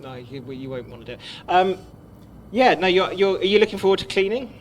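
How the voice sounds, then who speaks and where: A man's voice: high-pitched, lively intonation, fairly quick, a crowd in the background. A man hosting a casual podcast, teasing his co-hosts with dry humour. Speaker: host.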